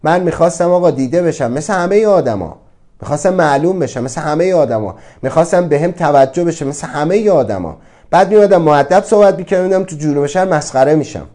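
A man's voice: fairly high pitch, lively intonation, dark tone. A man giving a motivational talk, earnest and reflective, asking many rhetorical questions. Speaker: speaker on self-acceptance.

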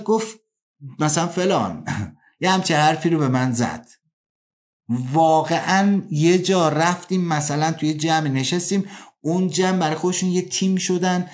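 A man with a fairly high voice gives an earnest self-help talk. He slows down on key ideas and rushes through little scenes from daily life. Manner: earnest, acts out everyday scenes in quick bursts. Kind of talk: motivational talk.

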